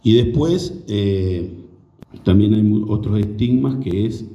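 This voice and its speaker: A man's voice: on the low side, takes it slowly, dark tone, roomy sound, far from the mic, muffled recording. A man in his forties with an Argentine accent, giving an earnest personal testimony to an audience, hesitant and repeating words as he reflects. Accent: Argentine Spanish. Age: 40s. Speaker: speaker giving a testimonial talk.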